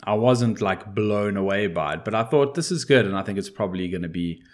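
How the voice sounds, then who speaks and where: A man's voice: low-pitched, a little fast. A man with a South African accent chatting informally as a podcast co-host about board games, rambling and slangy.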